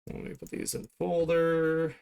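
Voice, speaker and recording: Rambling to his viewers while drawing, this art streamer speaks in a fairly high, monotone voice, a little slow, with vocal fry. The tone is a little mellow and clean as he chats casually through the livestream.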